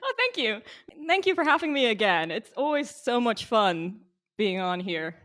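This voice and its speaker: A woman's voice: fairly high pitch, very animated, moderate pace, fairly bright tone, a little hiss or hum. A woman from Ireland guesting on a casual podcast chat, laughing easily and poking fun at herself. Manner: laughs easily, self-mocking.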